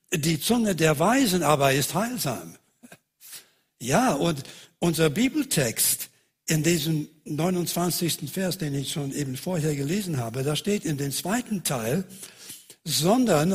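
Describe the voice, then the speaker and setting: A man's voice: lively intonation, normal speed, breathy edge. A man preaching a sermon, hesitant with many fillers, lifting his voice on emphasized scripture lines. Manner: raises pitch and volume on emphasized quotes.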